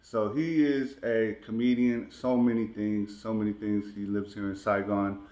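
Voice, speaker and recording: A man's voice: lowish voice, little pitch movement, moderate pace, mellow. A man hosting a podcast in an easygoing way, asking short questions and answering with brief "right" and "mm-hmm.". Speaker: podcast host. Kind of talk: casual interview hosting. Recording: roomy echo with faint noise.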